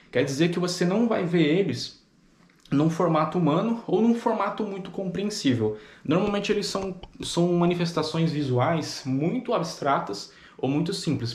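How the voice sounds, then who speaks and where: A man giving a spoken lesson, explaining calmly and patiently step by step. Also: medium pitch, echoey room. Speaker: teacher of ceremonial magic.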